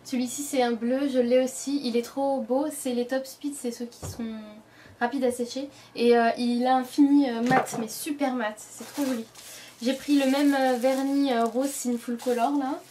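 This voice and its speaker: A woman's voice: sits high, fairly even intonation, moderate pace, warm tone, slight background noise. A young woman, chatting casually as a beauty vlogger, with many fillers and self-corrections. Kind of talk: casual product show-and-tell.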